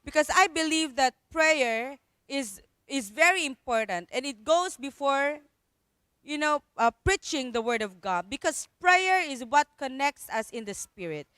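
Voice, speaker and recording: A woman's voice: high voice, animated, measured pace, pushed and bright, no room sound. A woman pastor with a Filipino accent giving an earnest devotional Bible teaching, repeating her key phrases and mixing in Tagalog.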